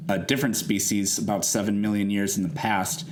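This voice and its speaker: A man's voice: lowish voice, flat delivery, brisk, darkish tone. A man debating conversationally, explaining his reasoning in a pedantic way with rhetorical questions. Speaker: debater defending evolution.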